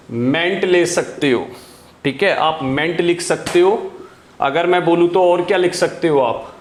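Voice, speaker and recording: A man's voice: sits high, reverberant, slight background noise. A man teaching English grammar in Hindi, who keeps asking his students questions and answering them himself. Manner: asks questions then answers them himself, says "guys" often. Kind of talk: classroom grammar lesson in Hindi.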